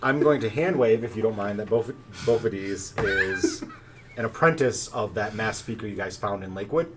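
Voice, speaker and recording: A man running a tabletop game as game master, narrating in a relaxed, chatty way with plenty of fillers. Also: fairly low pitch, moderate pace. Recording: distant mic, faint background noise.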